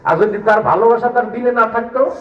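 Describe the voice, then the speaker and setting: A man preaching a sermon in a lively, rising and falling cadence. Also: extremely high pitch, brisk. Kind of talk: Islamic sermon. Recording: roomy, distant, dull sound.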